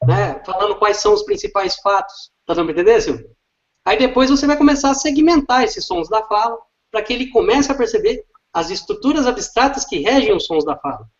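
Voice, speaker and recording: A man, an educator explaining literacy step by step and often checking with tag questions. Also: sits high. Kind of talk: didactic explanation in conversation. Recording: dull lo-fi recording.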